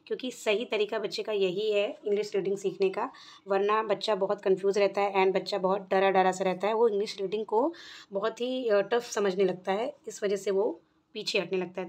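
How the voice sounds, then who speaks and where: Lady explaining phonics to parents, slow careful word lists, calm steady voice. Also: mid-range voice. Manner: patient, reads word lists slowly and clearly. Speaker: teacher.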